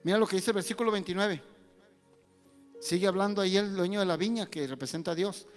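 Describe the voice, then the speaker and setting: A male pastor, preaching an animated sermon and acting out the voices of the people he quotes. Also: high voice, a little fast, faint music behind.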